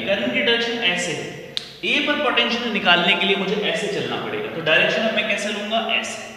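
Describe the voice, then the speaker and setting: A man's voice: high-pitched, sharp tone. A man in his thirties teaching physics at a whiteboard in a small classroom, explaining step by step and repeating key points back as questions. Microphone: camera mic from across the room. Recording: echoey room picked up from a distance.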